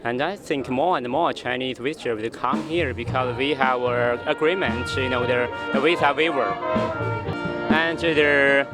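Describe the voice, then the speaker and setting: A man giving a live interpretation for a diplomat in a news interview, halting and restarting with loose grammar as he translates on the spot. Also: medium pitch, loud music behind the voice.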